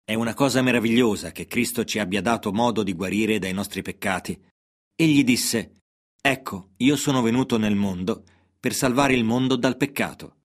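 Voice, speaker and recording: A man narrating a religious parable and scripture references in a measured, even reading voice. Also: on the low side.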